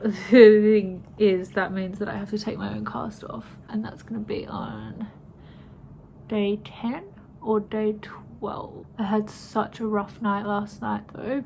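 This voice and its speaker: A woman's voice: medium pitch, vocal fry, a little mellow, slight background noise, poor audio. A young woman vlogging casually about her recovery, sounding sleepy and stuffy-nosed, rambling with lots of "like" and "um". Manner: chatty, rambling, frequent "like" and "um". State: stuffy, congested nose after surgery.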